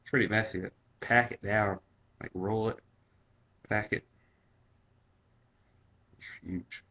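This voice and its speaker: A man's voice: lowish voice, fairly even intonation, moderate pace. A man giving a casual, chatty product review in vlog style. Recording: dull, lo-fi sound.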